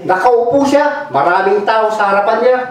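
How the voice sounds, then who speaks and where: A man's voice: high-pitched, moderate pace. A man preaching a fervent bilingual sermon and calling for amens from the congregation. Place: church hall. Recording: echoey church from far off.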